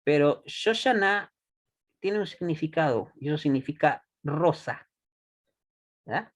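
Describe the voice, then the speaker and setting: A man teaching a Hebrew class, patient and deliberate, often checking that students follow. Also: on the high side, animated, a little mellow, slightly rough. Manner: patient, checks understanding with frequent "¿ya?"; slow and deliberate, repeats words for students. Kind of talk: classroom lesson.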